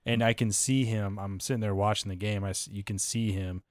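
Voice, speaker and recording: A man's voice: on the low side, brisk, dry recording, studio quality. A man co-hosting a fantasy football podcast, chatting casually and laughing as he tells stories. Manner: relaxed, laughs often, animated storytelling. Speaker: podcast co-host.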